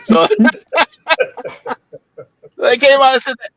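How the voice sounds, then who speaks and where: A man telling a long family story in casual chat, laughing often, stammering over restarts and jumping into high voices to mimic people. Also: flat delivery, takes it slowly, a bit bright, no echo, poor audio.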